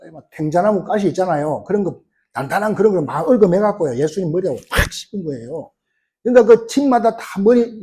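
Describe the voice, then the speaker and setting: A middle-aged male pastor delivers an emphatic sermon in a high, highly animated voice. He keeps throwing rhetorical questions at the congregation.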